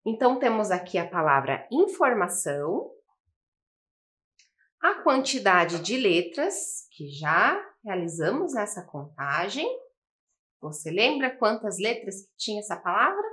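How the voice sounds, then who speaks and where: Brazilian woman teacher, slow and patient, lively rising and falling pitch, counts letters out loud. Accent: Brazilian Portuguese. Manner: spells and counts out slowly, asks the viewers questions. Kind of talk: slow, patient classroom lesson for children. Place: classroom-style studio with a table.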